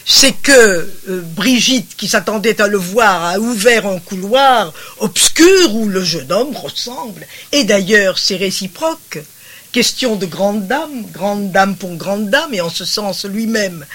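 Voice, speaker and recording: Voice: mid-range voice, fairly bright tone. A literature lecturer who reads passages aloud and comments on them in a digressive, explanatory way, with frequent rhetorical asides.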